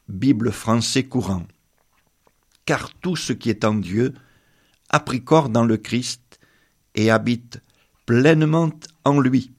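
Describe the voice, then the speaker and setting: A man preaching a sermon and reading Bible passages aloud, speaking in a measured way and turning to address the listener directly. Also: mid-range voice, gravelly.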